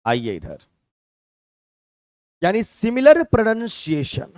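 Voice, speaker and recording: A man's voice: high voice, wildly swooping pitch, slow pace, a little mellow, no room sound, clean studio sound. A man teaching a vocabulary class with a Hindi accent, explaining step by step and checking in with his students. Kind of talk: classroom lecture.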